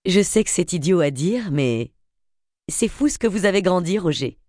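A woman's voice: on the low side, lively intonation, normal speed, a little mellow, no echo, studio quality, pitched above the performer's own voice. A woman reading an audiobook, voicing a confident, friendly woman in her forties. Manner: poised, friendly.

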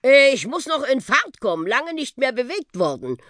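A woman's voice: high-pitched, big pitch swings, normal speed, a bit bright, no echo, studio quality, pitched above the performer's own voice. A woman voicing a cheerful, show-off old male talking bus in a children's audiobook. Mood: cheeky. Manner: cheerful, show-off, breathless boasts.

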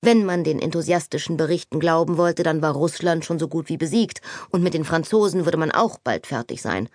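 A woman narrating a novel as an audiobook, expressive and animated. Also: deep voice, no echo, clean studio sound. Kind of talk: scripted narration.

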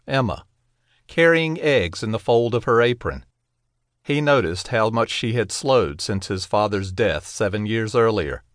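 A man narrating a children's audiobook in a gentle, expressive storytelling manner. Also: lowish voice, no room sound, studio quality.

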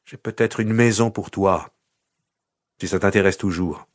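A man voicing a calm, matter-of-fact male police colleague in audiobook dialogue. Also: sits low, unhurried, dry recording, studio quality.

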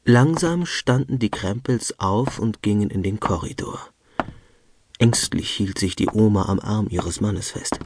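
A man narrating a children's audiobook in a lively, expressive storytelling manner, close to a studio mic. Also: fairly low pitch, a little slow, noisy background.

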